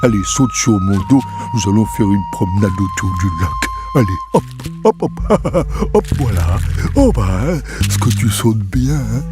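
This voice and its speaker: A big, touchy male donkey, as a man puts him on for an audio storybook, fond of silly songs. He talks slowly in a swooping sing-song, with clear music playing underneath. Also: lowish voice, wildly swooping pitch. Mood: playful singing. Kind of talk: storybook acting over music.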